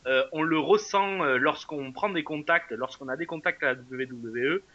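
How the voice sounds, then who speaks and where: Bright-voiced hesitant French wrestling co-host. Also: male voice, fairly high pitch, moderate pace, lo-fi sound. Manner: hesitant, many fillers and restarts. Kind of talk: casual podcast chat.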